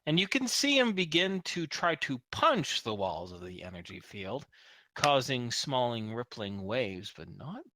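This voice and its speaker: A man narrates a tabletop role-playing game as its game master. His voice is bright and forceful at a middle pitch, explaining things conversationally, and it sounds close and dry. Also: sing-song, measured pace, no room sound.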